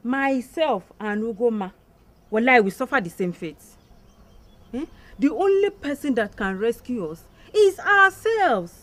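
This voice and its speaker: A woman's voice: a little high, lively intonation, a little slow, a bit bright. An actress playing a pragmatic, resolute captive woman with a Nigerian Hausa accent in a film. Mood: urgent, persuasive.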